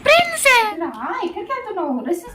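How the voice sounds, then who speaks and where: A woman's voice: extremely high pitch, very animated, moderate pace, far from the mic. A woman family vlogger talking in a casual, cooing, sing-song baby talk as she coaxes a small child, repeating herself. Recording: echoey room.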